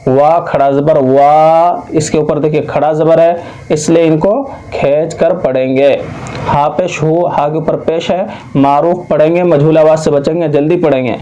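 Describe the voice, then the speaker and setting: Male Quran teacher, slow drawn-out spelling. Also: a little high, fairly even intonation, warm tone. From Jharkhand, India. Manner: spells out letters and vowels, then drawls each word slowly. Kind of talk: Quran reading lesson. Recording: dull lo-fi sound.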